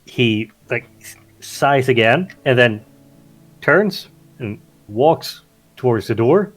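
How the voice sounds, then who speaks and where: A man's voice: mid-range voice, lively intonation, takes it slowly. A man speaking in character in a tabletop role-play game and narrating his character's actions, with many restarts and fillers.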